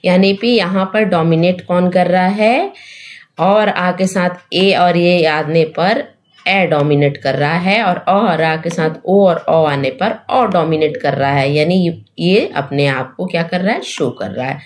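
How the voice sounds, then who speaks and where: Woman teaching grammar slowly, keeps asking the class questions and answering herself, drops english words in. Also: lowish voice. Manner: repeats rules and asks questions back to students; mixes English terms into Hindi explanation. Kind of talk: exam-prep grammar lesson.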